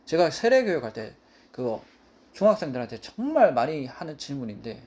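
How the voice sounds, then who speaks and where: A man's voice: a little high, very animated, brisk, darkish tone. A male pastor preaching a sermon in an emphatic way, often repeating his key phrases.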